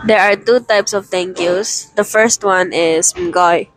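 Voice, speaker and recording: Woman from Hong Kong, slow and measured delivery, dry close sound. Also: mid-range voice, no echo, low-quality recording. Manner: measured and instructive. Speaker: co-presenter giving pronunciations. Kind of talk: slow, careful explanation.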